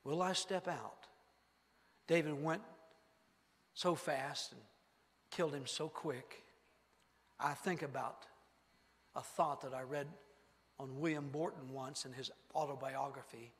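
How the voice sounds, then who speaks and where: A man preaching a sermon, telling a story with animated delivery, acting out scenes and asking the congregation questions. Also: mid-range voice, takes it slowly, long pauses. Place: church sanctuary. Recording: long reverb of a church hall.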